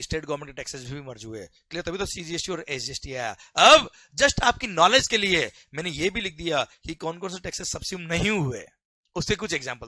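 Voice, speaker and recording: A lively Indian man lecturing on tax, his voice very bright and cutting, recorded close and dry with no room sound. He jokes, coaxes and keeps asking if the class is clear. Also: a little high, dry recording. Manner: animated, jokey, mixing English terms.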